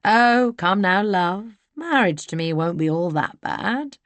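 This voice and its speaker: A woman voicing a sly, mocking young gentleman villain for an audiobook. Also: mid-range voice, animated, slow, dry recording. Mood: smug. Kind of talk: audiobook character voice.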